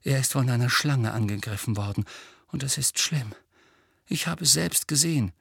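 A man's voice: medium pitch, animated, moderate pace, vocal fry, fairly bright tone, slightly rough, no echo, clean studio sound, exaggerated voice. A man voicing a frightened teenage boy wizard who pants and speaks with agitated urgency. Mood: subdued. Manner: panting, agitated, insistent.

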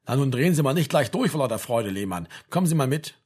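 A man's voice: medium pitch, sing-song, quick pace, darkish tone, slightly rough. Man putting on a brusque teasing army sergeant major. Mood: bossy. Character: gruff joking male army sergeant major. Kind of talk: audiobook reading.

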